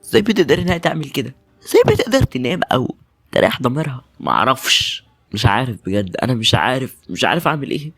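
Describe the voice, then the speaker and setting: A voice actor with an Egyptian Arabic accent carries a dark audio drama in a tense, emotional delivery. The pitch swings widely from line to line as the performer shifts between characters. Faint music plays underneath the voice. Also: very animated, fast, husky.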